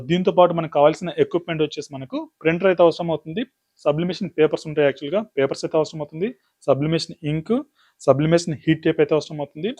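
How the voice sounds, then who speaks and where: A man runs a hands-on product demonstration, listing items and steps in quick succession. His voice sits slightly high, and he talks at a very rapid clip. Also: a little mellow. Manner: rapid explanatory, lists items step by step. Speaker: business demo presenter.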